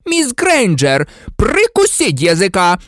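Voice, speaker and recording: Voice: mid-range voice, wildly swooping pitch, measured pace, darkish tone, no echo, studio quality, pitched above the performer's own voice. A reader voicing a cold, sneering middle-aged male professor in a storybook, full of contempt.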